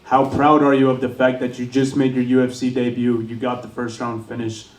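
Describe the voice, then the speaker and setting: A man's voice: medium pitch, monotone, a little fast. A man working as a reporter, asking questions at a press interview. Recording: roomy echo, distant from mic.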